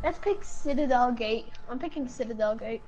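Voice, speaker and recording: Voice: mid-range voice, moderate pace, a little mellow, muffled recording, slight background noise. A gamer teasing teammates and giggling through a casual match. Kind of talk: casual gaming chat.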